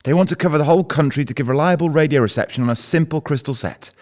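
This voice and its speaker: A man's voice: a little high, rapid-fire, darkish tone, lightly acted. An actor playing an earnest, hesitant 1920s male broadcasting manager in an amateur radio play, stammering at the start of his lines. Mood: persuasive.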